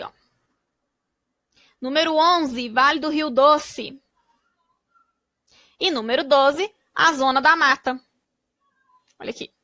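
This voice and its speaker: A woman teacher, slowly spelling out words syllable by syllable for young pupils. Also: high-pitched, sharp tone, no room sound, studio quality. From Brazil. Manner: slow, syllable-by-syllable reading.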